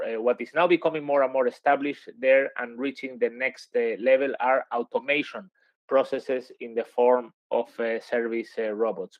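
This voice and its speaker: A man's voice: medium pitch, no room sound. A man moderating a webinar, introducing speakers and asking questions with many hesitant fillers. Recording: dry, dull lo-fi sound.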